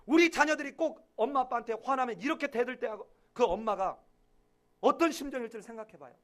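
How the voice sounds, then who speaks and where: A man preaching a sermon as pastor, acting out quoted voices with sudden loud outbursts and dropping to a murmur at the ends of phrases. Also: very high voice, fairly quick.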